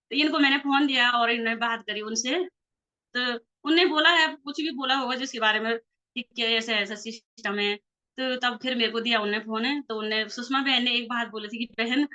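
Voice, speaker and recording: Lively woman recounting her story. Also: fairly high pitch. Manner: animated retelling of conversations. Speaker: network marketing leader. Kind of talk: personal story told casually. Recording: slightly dull lo-fi recording.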